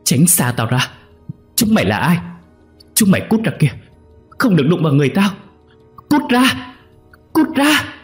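A man voicing a delirious, feverish middle-aged man shouting in terror. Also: high voice, wildly swooping pitch, moderate pace, long pauses, soft background music, pitched above the performer's own voice. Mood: terrified shouting. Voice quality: shouting, frantic.

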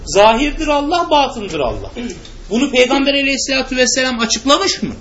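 Male religious teacher, high lively voice, quizzes students and answers himself, muffled, faint background noise. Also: brisk. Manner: asks rhetorical questions and answers them himself. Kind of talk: classroom lesson with questions to students.

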